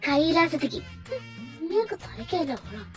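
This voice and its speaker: A woman voicing a cheeky, very high-pitched college girl. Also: very animated, moderate pace, faint music behind. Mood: pleading. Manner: pleading, dramatic, chatty. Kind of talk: fan-made audio story acting.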